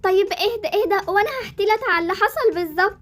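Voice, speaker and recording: A woman's voice: extremely high pitch, racing, faint music behind. A woman voicing a cheeky young girl with an Egyptian Arabic accent, chatty and bossy. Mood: mischievous.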